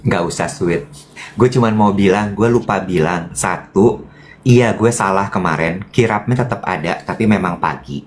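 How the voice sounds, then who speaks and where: Seorang pria mengobrol santai dan bergosip sebagai pembawa acara, bercerita dengan hidup dan menirukan orang dengan suara melengking. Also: male voice, normal speed, a little hiss or hum. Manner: animated storytelling, shrill voices for quoted people. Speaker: co-host. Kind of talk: casual gossipy chat.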